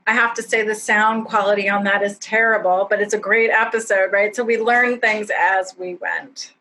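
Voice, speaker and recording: A woman's voice: medium pitch, steady tone, normal speed, sharp tone, low-quality recording. A woman who co-founded a podcast, explaining its start in a candid, self-deprecating way with light laughs. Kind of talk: casual explanation in a webinar.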